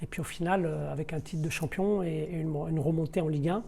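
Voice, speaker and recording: A middle-aged deputy sporting director of a football club, whose first language isn't French, explains his work spontaneously in a podcast interview, searching for words and repeating himself. He talks fast in a fairly high, mellow, slightly rough voice with vocal fry and fairly even intonation.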